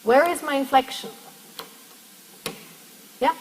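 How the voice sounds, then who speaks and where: A woman's voice: high-pitched, slow, a little hiss or hum. A woman lecturer in a classroom lecture, explaining step by step and putting questions to the class. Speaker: university lecturer. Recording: long echo of a lecture hall.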